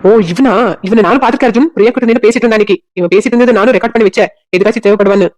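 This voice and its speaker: A woman voicing a calm, resourceful young village woman with a Kanyakumari Tamil accent, speaking in a steady, reassuring way and taking charge. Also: on the high side, rapid-fire, slight background noise, voice pushed down, close to an everyday voice.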